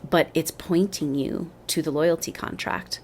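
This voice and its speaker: A woman with a low, deep voice talks through a spiritual forecast. Her delivery is earnest and flowing, leaning hard on key words for drama. A faint hiss sits under the recording. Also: fairly even intonation, measured pace. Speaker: astrology and spiritual guide.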